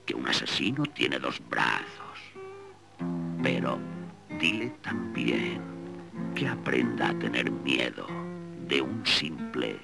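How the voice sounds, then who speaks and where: Very deep, gravelly Cossack captain. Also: male voice, very animated, full character voice. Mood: threatening. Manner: slow, deliberate, taunting delivery. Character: menacing, arrogant Cossack captain. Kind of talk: dubbed horror film acting. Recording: film soundtrack with loud music behind.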